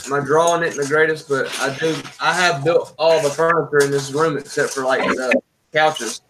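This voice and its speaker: A man with a middle-pitched voice chats easily and plainly on a home live stream. Steady background noise is clearly heard behind him. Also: moderate pace. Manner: easygoing, plain-spoken. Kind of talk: casual chat.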